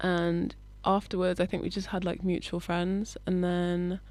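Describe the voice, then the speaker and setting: A woman's voice: fairly low pitch, level tone, measured pace, darkish tone, no room sound. A young British woman, a musician guest, answering interview questions in a laid-back, hesitant way with lots of fillers.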